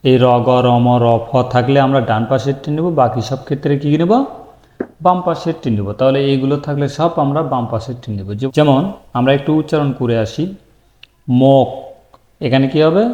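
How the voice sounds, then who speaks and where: A man's voice: mid-range voice, a little mellow, lo-fi sound. A man teaching a language lesson, who keeps asking his students questions and then answering them himself. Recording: echoey room.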